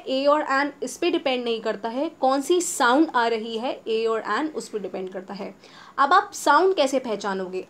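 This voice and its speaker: A young Indian woman teaching English grammar in an exam-prep lesson, explaining step by step to her students and drawing out example words slowly. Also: high voice.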